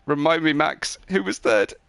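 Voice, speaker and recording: A man's voice: on the high side, normal speed, vocal fry, a crowd in the background. A man hosting a sim racing league broadcast, chatting upbeat with drivers after the race, with plenty of ums. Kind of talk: post-race interview chat.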